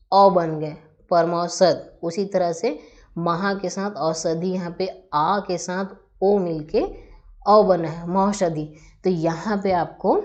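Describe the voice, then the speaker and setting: A woman teaching a grammar lesson, who explains each step slowly, asking questions and then answering them herself. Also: fairly low pitch, a little mellow. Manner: patient, asks and answers her own questions. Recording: dull lo-fi recording.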